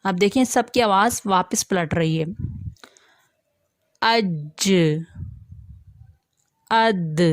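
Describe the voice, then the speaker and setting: In an online Quran reading lesson, a woman teacher patiently walks through each step, questions her class and slowly sounds out letters. Her pitch is medium, and the recording is clean studio sound with no room echo.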